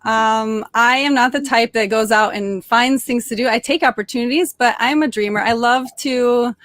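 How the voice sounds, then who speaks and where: A young adult woman, born in Norway and raised in suburban Detroit, Michigan, tells stories cheerfully as a guest on a casual interview podcast, full of fillers and restarts. Her voice is fairly high, a bit bright, and moderately paced.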